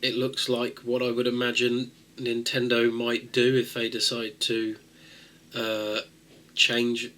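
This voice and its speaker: Slowly and in a monotone, a tech video host with a cold explains a fix to viewers. His medium-pitched voice is nasal and fairly bright, and his casual talk-through rambles with many fillers and restarts.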